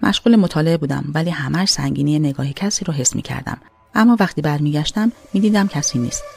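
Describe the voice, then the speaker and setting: A woman narrating a first-person horror story from a script, dropping low and quiet at tense moments. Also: gravelly, slightly rough, no room sound. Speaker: podcast narrator. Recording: dry close mic with faint music bed.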